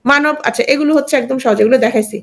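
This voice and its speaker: A woman's voice: high-pitched, rapid-fire. A woman teaching a grammar lesson, explaining step by step and asking and answering her own questions.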